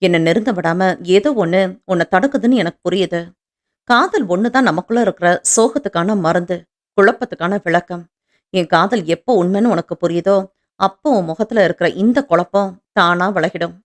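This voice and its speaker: A woman's voice: on the low side, fairly quick, lightly acted. Woman voicing a tender devoted young husband. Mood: tender earnest. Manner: soft, earnest pleading.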